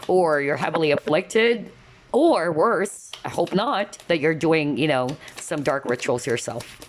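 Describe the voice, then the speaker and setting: Reading tarot for her viewers in a chatty way packed with asides, a woman speaks in a low-pitched voice that sounds slightly nasal because she is losing it. There's slight background noise.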